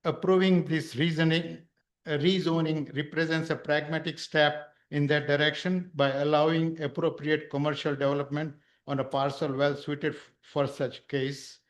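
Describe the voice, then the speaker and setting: A man reads a prepared statement to a township council in a formal tone, his voice pitched slightly high. He trips on a word now and then and corrects himself. He speaks into a podium microphone. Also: flat delivery, moderate pace. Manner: formal, with occasional stumbles. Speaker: public speaker at a council meeting. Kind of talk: reading prepared remarks. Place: township council meeting room.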